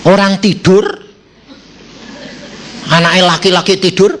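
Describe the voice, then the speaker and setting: A man's voice: sits high, little pitch movement, measured pace, fairly bright tone, a little hiss or hum. A man preaching a sermon and telling stories, acting out voices with laughter.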